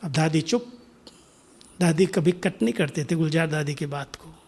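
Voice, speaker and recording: A middle-aged man giving a spiritual discourse, telling a story in an unhurried way and sometimes sinking to a soft near-whisper. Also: fairly high pitch, slightly rough. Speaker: spiritual speaker.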